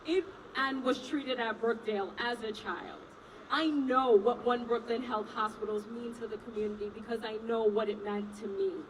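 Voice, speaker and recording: At a rally, a resident physician and union officer from Trinidad and Tobago delivers a stirring speech and leads chanted slogans. She speaks in a slightly high voice with a steady tone and moderate pace, picked up by a distant mic over heavy crowd and street noise.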